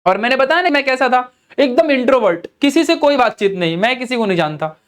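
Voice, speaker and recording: A man's voice: very high voice, animated, fast, fairly bright tone, smooth. A young man with an Indian accent, an online teacher giving earnest, coaxing study advice straight to his students. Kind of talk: motivational study advice talk.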